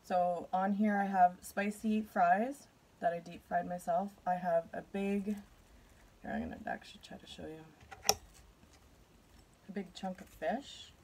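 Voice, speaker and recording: A woman's voice: on the low side, fairly even intonation, unhurried, darkish tone, slight background noise. A woman from Canada hosting a casual eating vlog at home, chatty and nervous, laughing between bites. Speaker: mukbang YouTuber.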